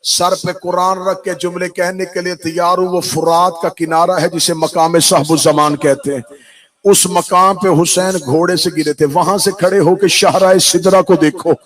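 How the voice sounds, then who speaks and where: A man's voice: high voice, steady tone, moderate pace, faint music behind, rough recording. A man, a cleric, delivering a Muharram mourning sermon in an impassioned chanting recitation that rises into cries. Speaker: Shia cleric reciting a majlis.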